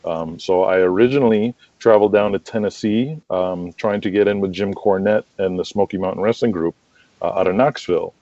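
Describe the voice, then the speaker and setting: A middle-aged American man, a wrestling promoter and manager, appears as an interview guest and casually tells rambling anecdotes. His low, warm voice is brisk and dry, with the high frequencies cut off.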